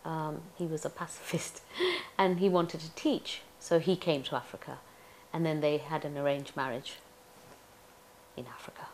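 A woman's voice: sits low, steady tone, moderate pace, darkish tone, slight background noise. A middle-aged woman from Tanzania, an actress, reminiscing in an oral history interview, chatty and reflective with frequent laughs.

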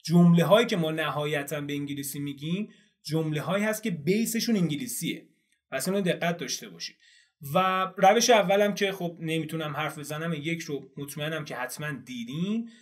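A man teaching English in a video lesson, explaining a study method step by step and answering his own questions as he goes. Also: on the high side.

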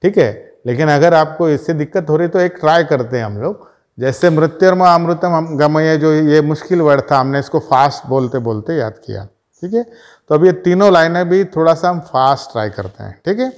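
A man's voice: fairly high pitch, animated, moderate pace. A man teaching a school prayer song to young children, patiently checking in with them again and again. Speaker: music teacher. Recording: loud backing music.

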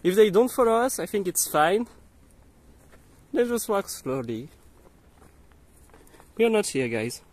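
This vlogger, a young native French speaker, laughs often and talks casually in a giggly, coaxing manner as he hikes a dirt hillside trail, holding the camera while walking. His high voice is very animated but a little slow, broken by long pauses.

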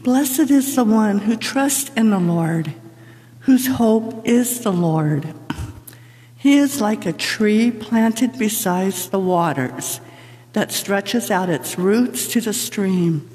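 A woman reads scripture at a lectern, slow and unhurried in a solemn, measured way. Her voice is mellow and soft-edged, and the long reverb of a big church hangs after every phrase. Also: medium pitch, expressive. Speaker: lector. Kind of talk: liturgical scripture reading. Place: large church sanctuary. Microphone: lectern microphone from a far camera.

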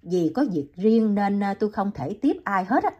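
A woman's voice: medium pitch, expressive, moderate pace, darkish tone, slightly rough, muffled recording. A woman voicing a stern young male doctor in an audiobook, giving firm, clipped orders. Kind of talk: audiobook reading.

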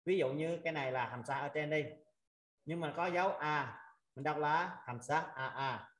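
A man's voice: a little high, a bit bright. Male teacher on a video call, patient and repetitive, roomy echo. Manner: patient, repetitive, drawn-out drilling of sounds with frequent "à" fillers. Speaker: Arabic teacher. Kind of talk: online language lesson.

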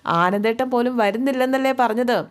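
A woman's voice: a little high, brisk, lightly acted. Young husband voiced by a woman, patient, coaxing, placating. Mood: soothing.

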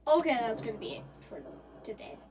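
A woman's voice: fairly high pitch, big pitch swings, brisk, crowd noise. A woman giving rambling, silly commentary while playing a video game. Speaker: gaming video creator. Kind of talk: gameplay commentary. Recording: noisy background.

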